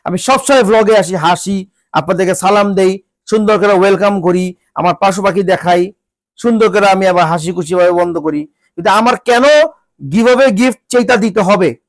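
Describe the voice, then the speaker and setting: Here a Bangladeshi man with a cold, his stuffy nose altering his high voice, lectures his viewers at a moderate pace. His exasperated, scolding rant leans on repeated rhetorical questions. No room sound is audible.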